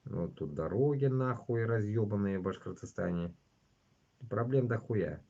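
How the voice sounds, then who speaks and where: A man's voice: on the low side, lively intonation, unhurried, dark tone. A man from Bashkortostan, hosting a casual livestream in a blunt way. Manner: blunt, heavily swearing. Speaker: livestream host. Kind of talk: casual livestream chat with read-out news. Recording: dull, lo-fi stream audio.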